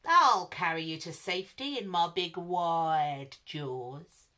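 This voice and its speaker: A woman's voice: lowish voice, animated, slow pace, sharp tone, heavily acted. A woman playing a sly, coaxing alligator. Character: sly male alligator, falsely reassuring.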